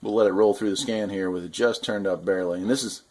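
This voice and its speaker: A radio hobbyist host reviews gear in a casual hands-on product demonstration, explaining things in an informal, conversational way. His voice is on the low side, steady in tone and fast, with background noise in the recording.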